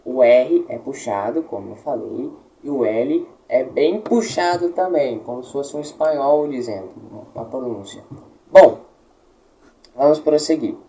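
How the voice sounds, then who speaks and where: Slow, dark-voiced teacher. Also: male voice, mid-range voice, animated, a little hiss or hum, poor audio. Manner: patient, explains slowly, checks with "tá?" and models words. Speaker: Latin teacher. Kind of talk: pronunciation lesson.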